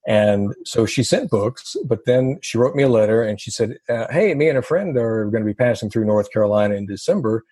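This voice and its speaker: A man recounts his past in a husky voice, recorded close and dry. He tells it with a wry, self-deprecating humor and easy laughter, in a relaxed interview. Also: fairly low pitch, a little fast, hardly any pauses, no echo. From American South. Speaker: guest. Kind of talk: conversational storytelling interview.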